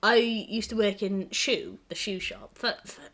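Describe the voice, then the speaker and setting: A woman hosting a podcast, telling stories in casual chat, animated and swearing freely. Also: mid-range voice, a little slow. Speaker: podcast host.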